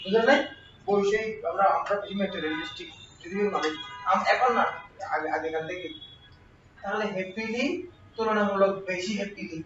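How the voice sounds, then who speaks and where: High-voiced male teacher in an echoey room. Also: fairly quick, pauses often, fairly bright tone. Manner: asks the class questions and answers them himself. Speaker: exam prep teacher. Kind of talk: classroom grammar lesson. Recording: roomy, distant, dull lo-fi sound with faint noise.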